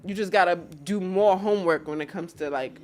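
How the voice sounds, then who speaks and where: A young battle rapper from New York, speaking briskly in a voice on the low side, describes how she started during a casual interview, with a little hiss or hum in the recording. Laid-back and slangy, she keeps asking "you feel what I'm saying."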